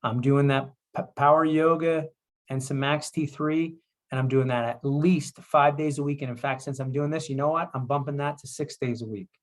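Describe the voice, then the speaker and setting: Man, chiropractor, motivational health talk, energetic, urging, repetitive. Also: fairly high pitch, moderate pace.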